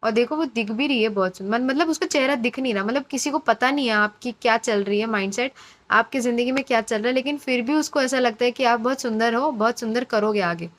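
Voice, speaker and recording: A woman's voice: fairly high pitch, quick pace. A woman giving a casual, encouraging intuitive reading to her viewers, chatty and repeating phrases for emphasis. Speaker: intuitive card reader.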